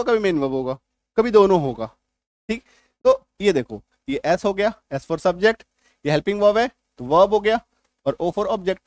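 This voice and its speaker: Man, high voice, grammar teacher, step-by-step explaining, dry close sound. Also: no echo. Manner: explains step by step, often checks "clear?". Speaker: English teacher. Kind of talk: grammar lesson.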